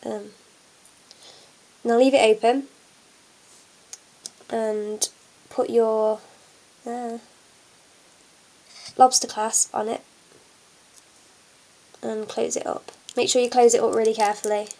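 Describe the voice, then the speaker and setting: Working at an indoor table with her hands on camera, a congested young woman chats through a craft tutorial, leaning on ums and other fillers. She takes it slowly and pauses often, her fairly high voice level and dark in tone, on a low-quality recording.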